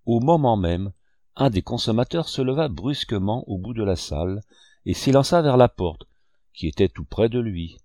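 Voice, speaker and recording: Man reading an audiobook, low voice, steady pace, dry close sound. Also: no room sound. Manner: steady, measured storytelling. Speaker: audiobook reader. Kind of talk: scripted narration.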